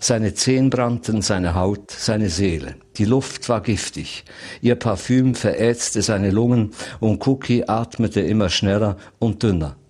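Slow, low-voiced male narrator. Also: mellow. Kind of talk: literary audiobook reading.

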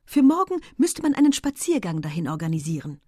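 A woman's voice: lowish voice, big pitch swings, a little fast, darkish tone, no room sound, studio quality. A woman voicing an eager young suitor. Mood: persuasive. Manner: eager, persuasive.

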